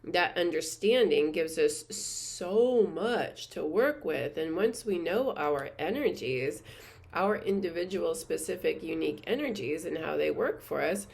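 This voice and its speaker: Woman with a low voice, chatty spiritual vlog musing, lots of ums and little laughs. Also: expressive, unhurried, gravelly. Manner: chatty and earnest, with many fillers and soft laughs. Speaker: spiritual teacher and channel host. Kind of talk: casual reflective monologue to camera.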